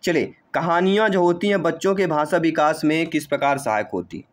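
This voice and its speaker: A male coaching teacher works through exam questions, quizzing his listeners with rhetorical questions and repeating the answers. His voice sits a bit higher than most men's. He keeps calling the audience dear friends. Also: fairly quick. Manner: addresses listeners warmly as dear friends and brother. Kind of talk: exam-prep lesson.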